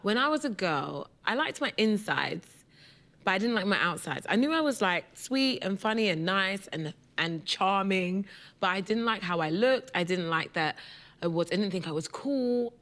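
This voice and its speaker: A woman's voice: medium pitch, normal speed. A woman comedian telling a self-mocking childhood story to a group, acting out her family as she goes. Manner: animated, self-mocking, acts out family voices. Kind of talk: casual storytelling in a group conversation.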